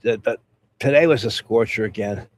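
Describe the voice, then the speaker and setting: A man's voice: lowish voice, normal speed. A man from Pennsylvania, a DJ hosting a casual livestream chat about gear, rambling and repeating words, stuffy from a head cold. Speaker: DJ and channel host; talking gear with viewers.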